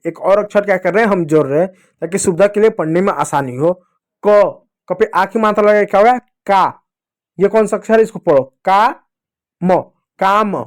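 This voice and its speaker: A male teacher giving a reading lesson to young children, patiently repeating each sound, asking questions and answering them himself, and calling his listeners dear children. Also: sits high. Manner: addresses children fondly as dear kids.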